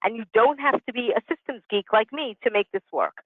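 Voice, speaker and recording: A fairly high-pitched woman in her sixties talks a little fast as she presents over a telephone conference line. The business consultant sticks to a prepared, explanatory talk but adds conversational asides. There's no echo, though the audio is narrow and tinny.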